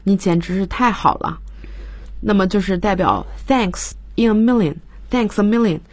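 Woman, radio English teacher, explains grammar, husky voice, dry studio. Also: medium pitch, normal speed, a little mellow, dry recording. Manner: explains grammar in Chinese, quoting English lines.

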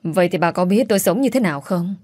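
A woman voicing a bitter young woman who accuses her relatives in quick, sharp outbursts, in an audiobook. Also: fairly low pitch, expressive, no echo. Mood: bitter, accusing. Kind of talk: audiobook character voice.

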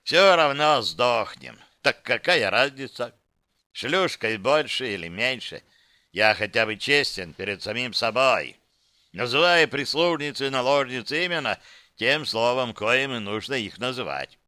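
A man's voice: mid-range voice, lively intonation, a little slow, sharp tone, dry recording, studio quality. A man voicing a cynical male demon who lives as the hero's alter ego and sneers at him, read as an audiobook. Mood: smug mocking. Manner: cynical, sneering, laughs at others.

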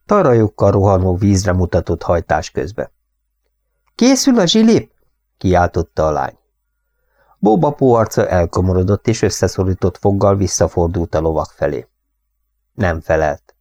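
A man reading an audiobook in a calm, measured way. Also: low-pitched, dry recording, studio quality. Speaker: audiobook narrator. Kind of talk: audiobook narration.

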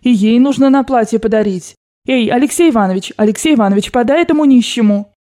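Storybook part: woman reader doing a domineering elderly grandmother, blunt commands, pitched up, soft dark tone. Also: quick pace, natural voice. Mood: bossy. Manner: commanding, brusque and loud. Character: imperious rich old grandmother, bossy and blunt. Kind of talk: audiobook character voice.

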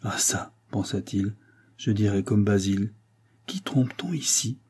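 A man's voice: on the low side, moderate pace, warm tone, breathy edge. A man doing a stiff, ironic young count. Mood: muttering. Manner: bitter, ironic, muttering to himself.

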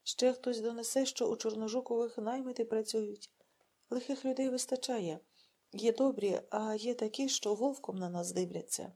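Жінка озвучує змучену вагітну селянку. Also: female voice, on the high side, normal speed, mellow, breathy edge. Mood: worried. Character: exhausted pregnant village woman, frightened.

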